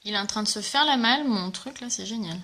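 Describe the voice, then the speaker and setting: A woman's voice: mid-range voice, fast, bright, forceful tone. A woman presenting a casual live makeup tutorial, chatting enthusiastically with viewers and greeting them as she demonstrates. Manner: chatty and enthusiastic, many fillers.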